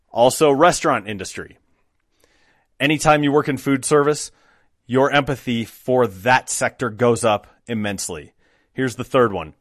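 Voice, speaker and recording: A man hosting a solo podcast, telling stories about his old jobs in a wry, self-mocking way, with lively switches when he quotes other people. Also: medium pitch, no room sound, clean studio sound. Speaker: podcast host. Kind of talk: casual solo storytelling.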